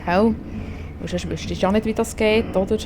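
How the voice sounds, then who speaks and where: A woman's voice: mid-range voice, steady tone, moderate pace, noisy background. A woman with a Swiss German accent commentating a video game, chatty and swearing at the character on screen. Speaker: gaming streamer. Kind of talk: let's play commentary.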